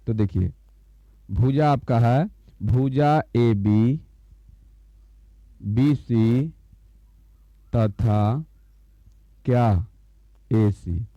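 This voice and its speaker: Slow, dark-voiced maths teacher. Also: male voice, medium pitch, dry recording. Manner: repeats terms and checks understanding with questions. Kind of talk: slow blackboard lesson explanation. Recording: dull, lo-fi recording.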